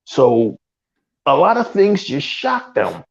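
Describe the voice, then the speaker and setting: A man's voice: a little high, wildly swooping pitch, takes it slowly, vocal fry, lo-fi sound. A man co-hosting a gaming podcast, ranting in heated, profane casual talk and mocking rivals with put-on voices. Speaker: podcast co-host.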